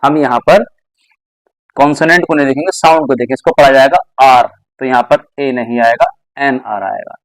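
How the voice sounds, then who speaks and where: A man's voice: medium pitch, normal speed, dry recording, poor audio. Man patiently explaining English grammar. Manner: patient, explains step by step with repeated examples. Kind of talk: classroom grammar lesson.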